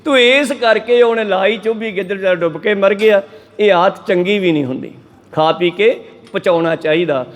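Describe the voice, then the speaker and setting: A Punjabi-accented preacher with a fairly high voice tells homely folk tales to his congregation. He slips into quick voices for the animals in his stories, keeping a chatty, down-to-earth sermon tone. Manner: folksy storytelling, acts out quoted animals in shifting voices. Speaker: Sikh preacher giving katha. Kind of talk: storytelling sermon exposition.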